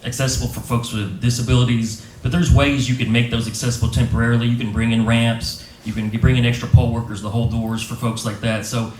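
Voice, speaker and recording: A man's voice: mid-range voice, level tone, a little fast, few pauses, darkish tone, recorded from a distance. A man gives a friendly, chatty campaign speech and asks the audience for their votes. His voice echoes around a community hall and reaches the mic from a little way off, with a faint hiss underneath. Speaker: political candidate.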